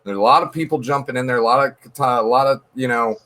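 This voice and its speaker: A card shop owner appearing as a guest in a casual interview speaks earnestly and emphatically, often repeating words while he thinks. His mid-range voice is fast, bright and forceful, and he's in a dark room.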